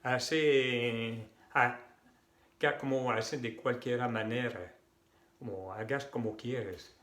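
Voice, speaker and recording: Male tutor, native French, informal lesson, very slow deliberate delivery, roomy echo. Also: medium pitch, fairly even intonation, a bit bright. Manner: slow, careful, repeats words to model pronunciation. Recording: echoey room.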